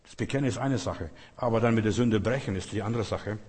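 A man's voice: on the low side, fast, darkish tone, husky. A man preaching a sermon in an earnest, repetitive way, speaking directly to his listeners. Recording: long echo of a large hall.

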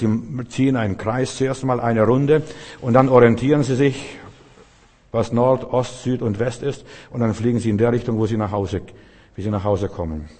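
A man's voice: mid-range voice, darkish tone. A middle-aged man preaching a sermon, speaking directly to his listeners with repeated emphatic phrases. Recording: long hall reverb.

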